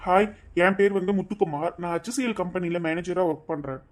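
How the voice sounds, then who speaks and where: A woman voicing a cheerful young groom in a cartoon, speaking in an eager, rapid, friendly way. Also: lowish voice, darkish tone, lightly acted. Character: cheerful young groom, grinning office manager. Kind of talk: cartoon voice acting.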